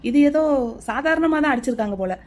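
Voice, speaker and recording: A woman voicing a calm, middle-aged male hospital doctor in a cartoon, speaking in a measured, reassuring clinical tone. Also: high voice. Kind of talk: cartoon voice acting.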